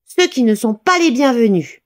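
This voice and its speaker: A woman's voice: a little high, expressive, moderate pace, voice pushed up, lightly acted. A woman voicing a smug male pig in a storybook, sniping in agreement with his friend.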